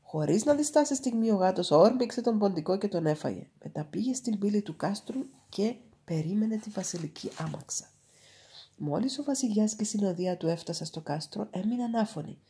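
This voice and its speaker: A woman reading a fairy tale aloud in a calm, measured storytelling manner. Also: medium pitch.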